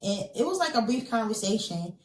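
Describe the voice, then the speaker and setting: A woman guest on a podcast tells a personal story in earnest detail, acting out what others said and dropping in casual fillers. Her voice is a little high, very animated, slightly fast and darkish. The audio is poor, roomy, with slight background noise.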